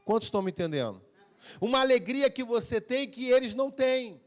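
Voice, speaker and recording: A man's voice: very high-pitched, animated, brisk. A man preaching a Sunday evening sermon as pastor, calling for amens and acting out everyday conversations. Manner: preaching with call-and-response, acting out everyday dialogues. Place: church service.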